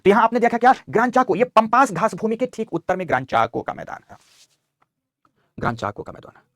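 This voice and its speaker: Guy teaching map class, quick and fairly high, keeps saying beta. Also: sing-song, no room sound. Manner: repeats key terms, calls students "beta". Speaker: geography teacher. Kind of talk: online map lecture.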